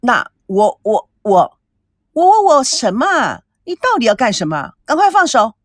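A proud young woman with a sharp tongue fires back indignant retorts, as a woman reads her lines aloud. Her voice sits fairly high and leaps up and down with lively swings. The sound is dry and close. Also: moderate pace, no echo. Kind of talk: audiobook character voice.

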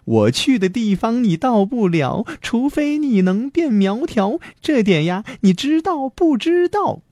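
A cheeky, carefree little boy, as a man puts him on, with a light, raised voice that bounces up and down in a sing-song. It sounds soft and a little breathy, and the voice is close and dry. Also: sits high, huge pitch swings, a little slow, dry recording, voice pushed up, exaggerated voice. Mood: sing-song teasing. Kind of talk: children's story reading.

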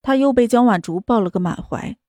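A woman narrating a romance audiobook in a smooth, steady storytelling manner. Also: fairly high pitch, brisk, dry recording, studio quality.

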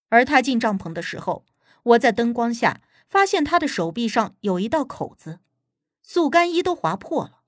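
A woman narrating an audiobook in a steady, expressive storytelling manner, recorded on a close studio mic. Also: a little high, no room sound.

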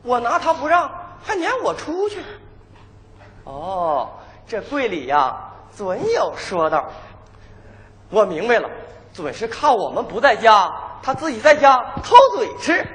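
A cheeky, greedy peasant brother played by a man in a stage comedy. His voice is very high and bright, swooping all over as he teases and puns. It is recorded in a reverberant hall with faint noise behind. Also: sing-song, measured pace, full character voice. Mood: scheming. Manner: teasing, punning, wheedling. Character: mischievous teasing young peasant brother, greedy joker. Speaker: errenzhuan actor. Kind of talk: comic folk opera dialogue.

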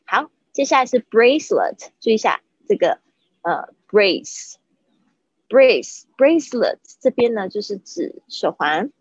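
A woman teaching English vocabulary to Chinese speakers in a chatty livestream, repeating words slowly to model how they sound. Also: fairly high pitch, big pitch swings, breathy edge, dry recording, dull audio.

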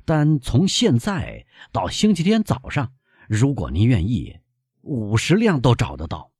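A man reading aloud, voicing an older male innkeeper who haggles and flatters his guests. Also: mid-range voice, a little slow, husky, no room sound, studio quality, pitched above the performer's own voice, heavily acted. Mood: insistent.

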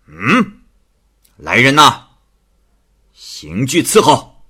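A man voicing a stern, imperious magistrate of old China, barking slow, threatening questions in a storytelling reading. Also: fairly low pitch, big pitch swings, bright, forceful tone, breathy edge, exaggerated voice. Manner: barks questions, drawn-out threatening delivery.

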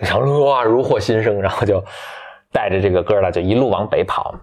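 A man casually retelling a fairy tale from memory, loose and halting, with many restarts and fillers. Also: lowish voice, a little mellow. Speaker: storyteller.

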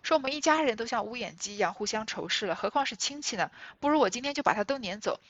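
A woman's voice: a little high, lively intonation, quick pace, fairly bright tone, no echo, dull audio. A woman reading a classic novel aloud and explaining it in a conversational, explanatory way.

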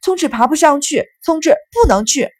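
A woman's voice: mid-range voice, animated, moderate pace, darkish tone, husky, dry recording, clean studio sound. A woman voicing a stubborn teenage girl, an older sister who speaks firmly and insists on her way. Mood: insistent. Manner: firm and insistent.

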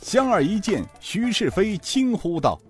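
A man narrating a serialized martial-arts story in an expressive, animated way. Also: high voice, unhurried, faint music behind.

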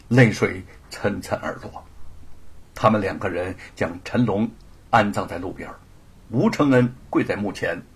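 A man narrating a scripted story in an expressive, dramatic way. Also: on the low side, husky.

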